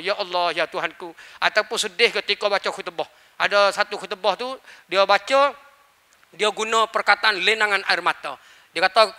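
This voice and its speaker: A man with a Malaysian Malay accent preaching in a mosque prayer hall, telling a funny story and acting out its dialogue. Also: sits high. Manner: animated storyteller, acts out dialogue. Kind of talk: sermon talk with humorous story.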